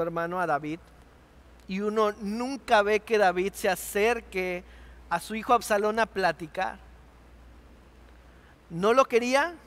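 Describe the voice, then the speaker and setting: Mexican pastor guy preaching, highish voice, gets loud then goes real quiet. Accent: Mexican Spanish. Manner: impassioned, rises to near shouting on quoted laments then drops to hushed. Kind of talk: sermon.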